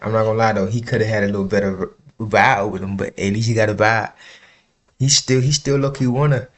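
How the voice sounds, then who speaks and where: A man's voice: on the low side, fairly even intonation, moderate pace. An American man hosting a music reaction, talking casually and profanely back at the video. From United States. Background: the reviewed song playing faintly.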